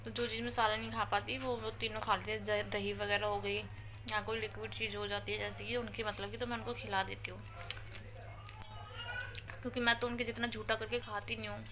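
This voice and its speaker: A woman's voice: medium pitch, flat delivery, a little fast. Chatty woman vlogging at home, noisy. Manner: chatty, playful with her children. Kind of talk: casual chat to viewers.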